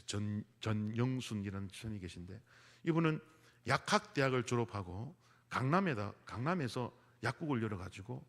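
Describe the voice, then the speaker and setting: Korean pastor preaching in a reverberant sanctuary. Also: male voice, mid-range voice. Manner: storytelling, acting out quoted voices. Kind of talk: sermon. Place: large church sanctuary. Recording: long hall reverb.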